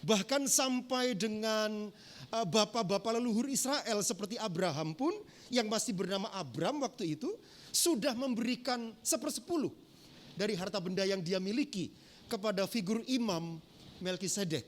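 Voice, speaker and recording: A man with a fairly high voice delivers a church sermon. He teaches in a measured, deliberate way, pausing often and reaching for words with fillers. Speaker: pastor. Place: church sanctuary.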